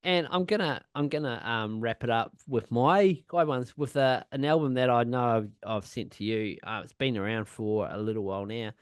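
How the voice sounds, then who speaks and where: A man's voice: medium pitch, normal speed, hardly any pauses, smooth, dry recording, clean studio sound. A man co-hosting a punk podcast in casual chat, rambling, swearing a lot and laughing often. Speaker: podcast co-host.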